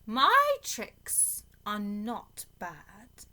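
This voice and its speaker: Woman putting on the bright, boastful Cat in the Hat. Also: mid-range voice, wildly swooping pitch, heavily acted. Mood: breezy, reassuring. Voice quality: bright, swooping. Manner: drawn-out, emphatic, showy delivery. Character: boastful, carefree showman cat, playful trickster, male.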